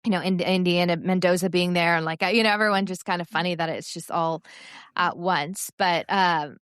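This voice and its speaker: A woman's voice: fairly low pitch, steady tone, brisk, a bit bright, smooth, dry recording, studio quality. A woman co-hosting a podcast, chatting casually about sports with many fillers and laughs. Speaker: podcast co-host.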